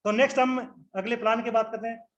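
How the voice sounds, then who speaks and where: A man's voice: very high-pitched, level tone, fast talker, dull audio. A man giving a motivational business training talk, earnest and instructive, speaking straight to his audience and asking rhetorical questions. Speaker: network marketing trainer.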